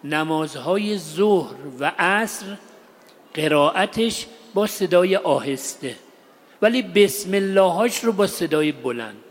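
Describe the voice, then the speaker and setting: A man with a fairly high voice teaches a religious lesson in short, measured phrases, pausing often and putting rhetorical questions to his listeners. He recites Arabic phrases slowly and deliberately. His voice rings out with a long reverb, as if in a large hall. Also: animated. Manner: asks the audience rhetorical questions.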